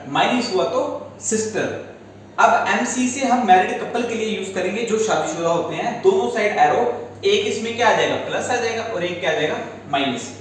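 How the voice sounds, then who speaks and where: A male reasoning teacher with a high voice walks students step by step through an exam-prep lesson in Hindi, mixing in English terms with an Indian accent, and checks in with them. Recorded from a distant mic in a very echoey room, with slight background noise.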